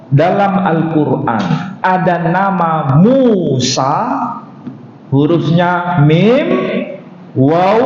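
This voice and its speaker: A man's voice: high voice, darkish tone, a little hiss or hum. A man teaching a religious study class, asking rhetorical questions and answering them himself. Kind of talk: mosque study lecture. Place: mosque hall. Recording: dull echoey hall recording.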